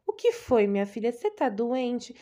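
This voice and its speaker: A woman voicing a fussy, doting and bossy older aunt on a phone call, talking in a high, gushing voice full of endearments and scolding. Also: sing-song, a little slow, warm tone.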